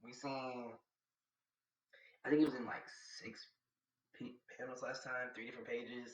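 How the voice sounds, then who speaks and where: A man's voice: medium pitch, level tone, measured pace, slight background noise. A young man from Atlanta in the US, streaming live and chatting casually with his viewers in a slangy, rambling way. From Atlanta, USA. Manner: slangy, rambling and chatty, talks back to chat. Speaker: live streamer reacting to manga. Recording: roomy, slightly dull home setup.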